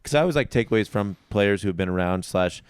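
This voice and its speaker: A man's voice: lowish voice, expressive, fast talker, smooth, dry recording. A young man hosting a podcast in casual chat, goofy and playful, laughing often. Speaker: podcast host.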